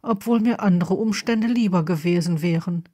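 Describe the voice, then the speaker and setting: A woman's voice: on the low side, normal speed, mellow, no room sound, clean studio sound, natural voice. A woman voicing a distraught, tearful man who speaks in a panicked, pleading way.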